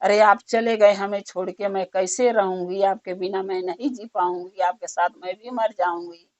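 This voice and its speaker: A woman's voice: mid-range voice, steady tone, normal speed, voice pushed down, lightly acted. Woman voicing a wailing selfish merchant's wife. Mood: lamenting. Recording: dull muffled recording.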